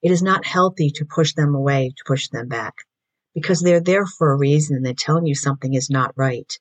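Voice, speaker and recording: A woman with a raspy voice hosting a mindfulness podcast, calmly guiding listeners through breathing, her voice slightly hoarse from allergies and recorded in an echoey room. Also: sits low. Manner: calm, slow guided breathing instructions. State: voice going in and out from allergies. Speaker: podcast host.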